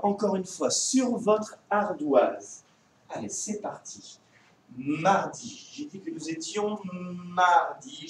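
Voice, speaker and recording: Slow sing-song French teacher. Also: male voice, a little high, very echoey, far from the mic, slight background noise, rough recording. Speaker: kindergarten teacher. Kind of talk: remote classroom lesson for young children.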